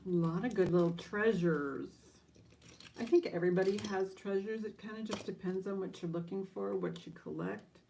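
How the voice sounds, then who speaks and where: A woman's voice: lowish voice, big pitch swings, normal speed, dark tone, a little hiss or hum, low-quality recording. A woman running a live online auction as auctioneer, mixing casual, chatty patter with bid calls in an informal, rambling way.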